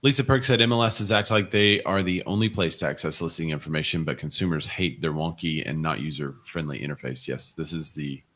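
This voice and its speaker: A man's voice: very deep voice, a little fast, hardly any pauses, a bit bright. A man co-hosting a casual real estate livestream, chatting and reading viewer comments and news articles aloud. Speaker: co-host of a real estate show.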